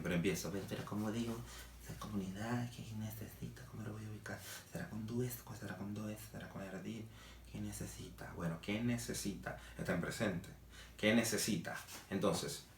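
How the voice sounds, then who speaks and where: A man's voice: sits low, a bit bright. A man teaching an English grammar lesson in Spanish. He explains each step and asks himself rhetorical questions as he goes. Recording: echoey room, mic at a distance.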